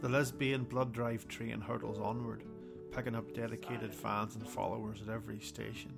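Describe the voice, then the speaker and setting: A man reading a scripted music profile in an even, measured way. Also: lowish voice. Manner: gravelly, flat, even delivery. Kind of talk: scripted narration. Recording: voice over guitar music.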